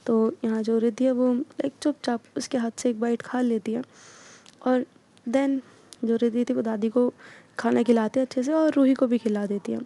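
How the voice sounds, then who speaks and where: A woman's voice: on the high side, fairly even intonation, normal speed, warm tone. A woman narrating an audio story casually, often slipping English filler words into her telling.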